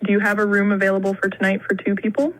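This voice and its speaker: A high, metallic synthetic man's voice speaks in a flat monotone with almost no rise or fall. It comes in quickly and dry, with the polite, scripted phrasing of an automated caller on a phone line. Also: no room sound. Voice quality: flat, robotic, evenly paced. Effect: metallic synthetic voice over a phone line. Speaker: AI phone agent booking hotel rooms. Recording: clip played from a phone call.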